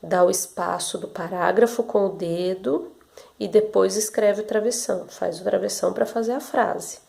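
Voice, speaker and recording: A woman's voice: mid-range voice, normal speed, gravelly, darkish tone. A woman teacher giving a lesson to young pupils, explaining step by step in a patient way and asking the class questions that she then answers herself.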